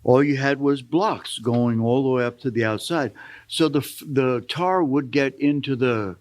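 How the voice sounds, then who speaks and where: As a guest on a talk show, an older man tells rambling, folksy stories filled with asides. He speaks in a mid-range, slightly mellow voice at a measured pace.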